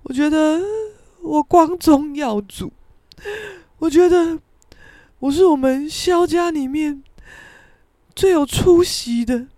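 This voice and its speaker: A choked, tearful father swelling with pride, as his daughter acts him out in her own voice. He speaks slowly and sentimentally, his voice breaking from crying. The sound is close and dry. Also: sits high, no echo, pitched above the performer's own voice, close to an everyday voice. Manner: choked, slow, sentimental boasting. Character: emotional middle-aged father crying with pride.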